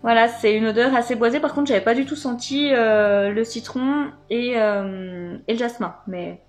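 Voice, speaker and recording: A woman's voice: fairly high pitch, moderate pace, faint music behind. A woman chatting casually to her viewers while unboxing beauty products, with many hesitations and fillers. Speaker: beauty box unboxing vlogger. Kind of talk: casual unboxing chat to camera.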